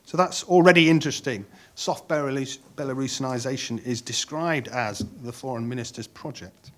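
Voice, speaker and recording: A middle-aged man with a mid-range voice speaks in a measured way on a conference panel, pausing with frequent ums and restarting phrases.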